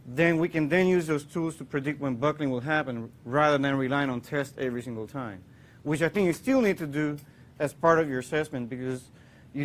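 A man from Puerto Rico, in his thirties, giving a classroom engineering lecture, explaining with many fillers and restarts. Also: fairly high pitch. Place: lecture hall.

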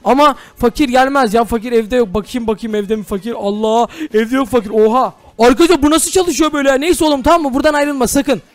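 Excitable young male gamer, very high and rapid; close, dry mic. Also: no echo. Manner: excitable, addressing viewers, exclaiming. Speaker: gaming YouTuber. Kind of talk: Minecraft role-play commentary.

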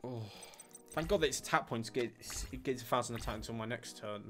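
A man's voice: mid-range voice, brisk, music in the background. Casual male let's-play commentator, mutters and sighs at the game. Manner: muttering, exasperated asides. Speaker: gamer doing a let's play.

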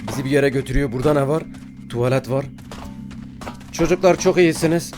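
A man giving excitable let's-play commentary, talking straight to his viewers as he plays, with sudden startled reactions. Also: medium pitch, quick pace, over music. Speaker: gaming YouTuber.

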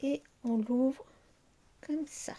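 A middle-aged woman hosting a casual crafting video, chatty and unhurried with many fillers as she shows her handmade work. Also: sits high, fairly even intonation, warm tone. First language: French. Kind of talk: casual crafting show-and-tell.

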